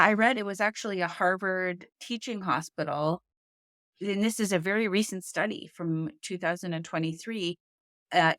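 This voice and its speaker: Her voice is fairly low and fairly bright, captured as a dry, clean studio recording. Earnest and emphatic, this speaking teacher and book-podcast co-host drives her points home by repeating them.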